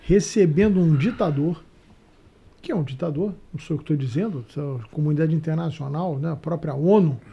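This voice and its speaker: A Brazilian man with a husky, gravelly voice argues on a debate panel. His tone is dark and sardonic, and he sits high in his range for a man. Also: brisk, muffled recording. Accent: Brazilian Portuguese. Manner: sarcastic, mocking voices of others. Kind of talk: political debate talk.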